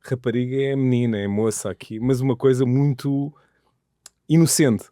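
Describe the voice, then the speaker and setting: A man's voice: medium pitch, steady tone, moderate pace, dark tone, no room sound, clean studio sound. A man from Portugal with a European Portuguese accent, speaking reflectively as an interview guest and searching for words. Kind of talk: casual interview.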